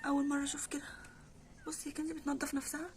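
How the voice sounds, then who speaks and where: Anxious high-voiced Egyptian woman vlogging. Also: completely flat delivery, rapid-fire, a loud crowd. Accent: Egyptian Arabic. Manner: anxious, exclaiming, speaks straight to viewers. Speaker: vlogger filming at home. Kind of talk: casual vlog commentary to viewers. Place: her apartment, indoors.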